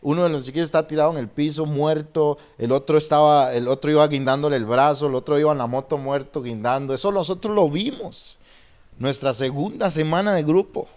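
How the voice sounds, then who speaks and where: A man who is a pastor, telling stories and preaching in a lively way and often restarting his sentences. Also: fairly high pitch, fairly quick. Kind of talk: animated storytelling and preaching in a podcast conversation.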